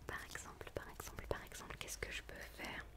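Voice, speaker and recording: A woman doing a whispered role-play as a gentle, quirky book therapist, in a hushed library whisper, softly repeating phrases to soothe. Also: fast. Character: quirky, gentle female book physiotherapist attending a patient. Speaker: ASMR performer playing a book therapist.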